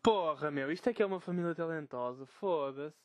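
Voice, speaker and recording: A young man with a Portuguese accent rants through a casual solo podcast recorded in his bedroom, cursing freely and ridiculing the people he quotes. His voice sits a little high and moves briskly, and the recording is very noisy.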